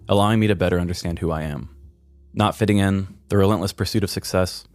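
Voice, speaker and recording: With a low, slightly mellow voice, a man hosting a podcast speaks frankly and earnestly about personal things, self-deprecating throughout, and follows that by reading a personal essay.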